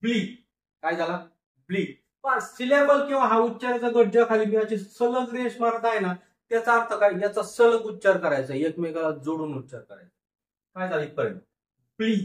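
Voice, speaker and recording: A man teaching phonics, slowly sounding out words syllable by syllable and repeating each word. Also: sits high. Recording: echoey room, voice a bit far from mic.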